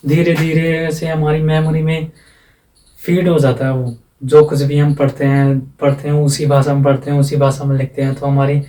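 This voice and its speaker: A man teaching an exam-prep lesson with a somewhat high, mellow voice, patient and repetitive, drawing out each example sound. He is heard from a distance in an echoey room. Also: monotone, normal speed.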